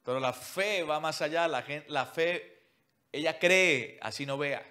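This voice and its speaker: A man preaching a sermon as pastor, swinging from loud emphatic calls to near-whispers and addressing listeners directly with repeated commands. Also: a little high, unhurried. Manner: mocks what churchgoers say in a whiny put-on voice.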